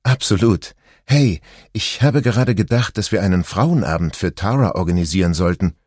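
A man's voice: sits low, lively intonation, moderate pace, darkish tone, no echo, studio quality. A man voicing a mother of two boys in an audiobook, speaking in a lightly teasing way. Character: mother of two boys, woman, 40s, easygoing.

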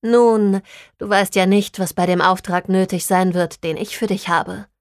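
A woman voicing a female detective agency owner who speaks in a polite, measured, businesslike way in a storybook reading. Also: mid-range voice, steady tone, dry recording, clean studio sound, natural voice.

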